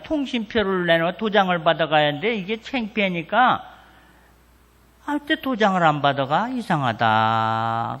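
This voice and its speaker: A man's voice: sits high, a bit bright. An older man, a retired senior pastor, preaching a revival sermon and acting out stories of his family in dialogue. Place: church revival meeting hall. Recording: long reverb of a church hall.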